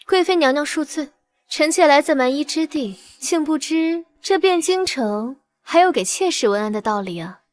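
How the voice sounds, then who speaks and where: An actress playing a cunning, defiant young palace consort in a period costume drama, sly and mocking. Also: female voice, high voice, lively intonation, normal speed.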